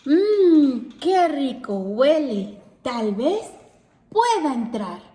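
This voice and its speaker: A woman voicing a friendly storybook badger who sniffs out food and offers to share, speaking slowly and cheerfully. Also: sits high, very animated, warm tone, heavily acted.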